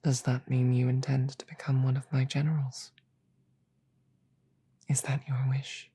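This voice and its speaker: In a roleplay audio drama, a woman plays a regal, calm demon queen with a bass, exaggerated voice. She speaks in a slow, deliberate, breathy murmur, leaving measured pauses, and the mood is calm and quietly menacing.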